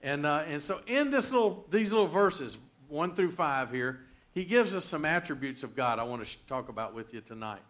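A man's voice: on the high side, expressive, moderate pace, fairly bright tone. A man preaching a sermon in a conversational way, reading scripture aloud with emphasis. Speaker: pastor.

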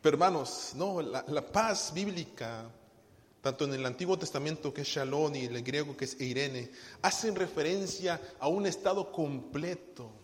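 A man's voice: on the high side, normal speed. A man, a pastor preaching a fervent sermon, speaking straight to the congregation. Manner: fervent, addresses the congregation directly and acts out everyday scenes. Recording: long hall reverb.

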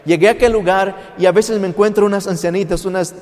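A man from Mexico preaches with feeling, slipping into the voices of the people in his story as he tells it. His voice sits a little high for a man. The sound carries a long reverb from the hall around him. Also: steady tone, fast, a little mellow. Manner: emotional storytelling, acts out quoted voices, mixes in English. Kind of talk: sermon with personal testimony.

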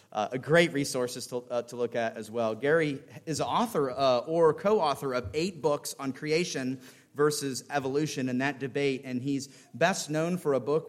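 A man, a pastor, introducing a guest speaker in church in a halting way, often repeating words. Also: mid-range voice.

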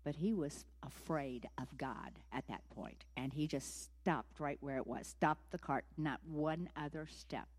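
A woman preacher delivering a sermon, telling a biblical story in an animated way and acting out its scenes. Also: deep voice, measured pace, hardly any pauses, in a large hall.

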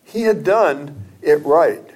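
A man's voice: a little high, animated, slow, a little mellow. A middle-aged man preaching a sermon, telling personal stories in an earnest way and lifting his voice on key points. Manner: earnest, storytelling, rising with emphasis. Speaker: pastor.

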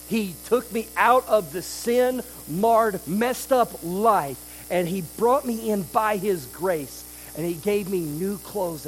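Guy with a pretty high voice preaching a sunday sermon, gets loud then drops real quiet, lots of questions to the crowd. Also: slight background noise, rough recording. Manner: swings between loud emphasis and quiet intensity, with rhetorical questions. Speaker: pastor.

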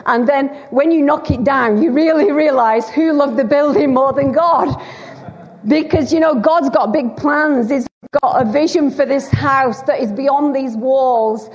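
A middle-aged guest preacher from Bolton, Greater Manchester, England, delivers a chatty, teasing, self-deprecating sermon to a congregation in a church hall, speaking with a Lancashire accent. Her voice sits high and is unhurried, and the recording is dull with long hall reverb.

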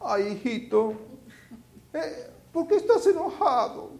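A doting mother played by a male preacher coos in a high, sugary voice far above his own. The baby talk is soft and coaxing, and it drifts a little back from the microphone. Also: sing-song, takes it slowly, vocal fry, roomy sound, exaggerated voice. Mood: cooing. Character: doting, cooing mother spoiling her child. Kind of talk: sermon illustration.

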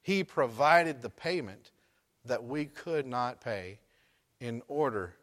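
A man preaching a conversational sermon. He keeps checking in with "right?" and slows down to stress his key points. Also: mid-range voice, animated, fairly bright tone. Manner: chatty, keeps asking "right?" to check in with listeners. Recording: long hall reverb.

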